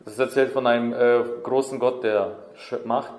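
A man interpreting a sermon live, phrase by phrase, often hesitating and correcting himself. His voice sits at a middle pitch. The church hall is roomy and echoing. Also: fairly even intonation, normal speed, a little mellow. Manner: hesitant, many fillers and self-corrections.

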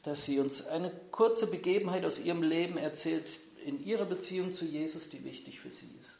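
This man's voice is fairly high and darkish, with vocal fry, and he talks a little fast. Leading a church gathering in an echoey hall, he makes announcements and interprets a guest live, warm but halting with frequent ums and language switches.

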